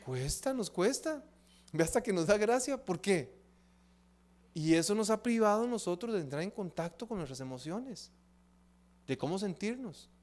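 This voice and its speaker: High-voiced man giving a church talk. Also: moderate pace, pauses often. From Latin America. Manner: lively, asks the audience rhetorical questions. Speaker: seminar speaker. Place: church hall.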